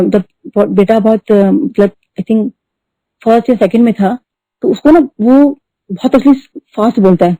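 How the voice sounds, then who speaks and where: A middle-aged woman telling a devotional story at a satsang, talking fast and mixing in English words. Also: medium pitch, warm tone, no room sound. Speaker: devotee sharing testimony. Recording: dull lo-fi dry recording.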